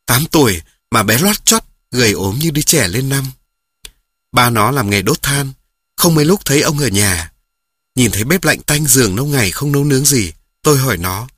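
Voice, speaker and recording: A man narrating a memoir in the first person, reading steadily and calmly. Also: medium pitch, husky, dry recording, clean studio sound.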